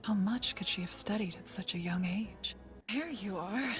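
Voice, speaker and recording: A woman's voice: mid-range voice, normal speed, fairly bright tone, soft background music, close to an everyday voice. A woman playing a formal, attentive fantasy mentor in a cartoon dub. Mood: impressed.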